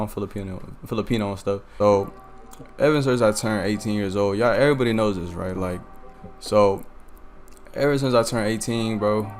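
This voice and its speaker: An eighteen-year-old man streaming a game and telling a loose, slangy story full of "you feel me" asides. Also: lowish voice. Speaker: streamer and content creator. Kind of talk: casual storytelling while gaming.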